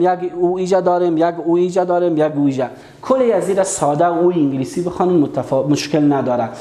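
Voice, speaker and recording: A man's voice: high-pitched, mellow, roomy sound. Patient male teacher. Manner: patient, repeats key words, asks the class questions. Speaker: language teacher. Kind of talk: online lesson.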